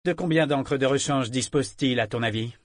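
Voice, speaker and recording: A man's voice: medium pitch, fairly quick, no echo, studio quality, natural voice. A man voicing a cold, decisive pirate captain giving firm orders in an audiobook. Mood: commanding.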